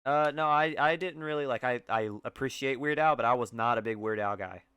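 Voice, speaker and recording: Young man, podcast co-host, smooth clear voice, rambling, filler-heavy casual chat. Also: mid-range voice, brisk, a bit bright, no echo. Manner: rambling, restarts, lots of fillers.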